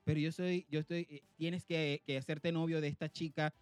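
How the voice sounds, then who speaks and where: A man with a Venezuelan Spanish accent from Zulia, co-hosting a podcast and telling a story in casual chat, animated and laughing often. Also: fairly high pitch, moderate pace, no room sound, soft background music. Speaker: podcast co-host.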